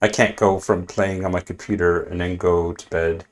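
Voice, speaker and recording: Low-voiced and flat in delivery, this man speaks at a moderate pace over a faint hiss or hum. He's playing a game on stream at his computer, rambling casually, poking fun at himself and muttering little asides.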